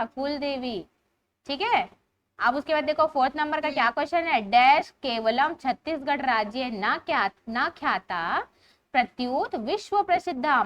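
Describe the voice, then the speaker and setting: A woman teacher explaining a school lesson step by step, often checking whether the students follow and reciting word forms in a steady drill rhythm. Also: high-pitched. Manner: checks understanding with repeated "ठीक है?".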